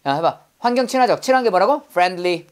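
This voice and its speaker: A woman's voice: on the low side, lively intonation, brisk. A woman teaching English vocabulary in class, drilling students with call-and-repeat prompts and playful memory tricks.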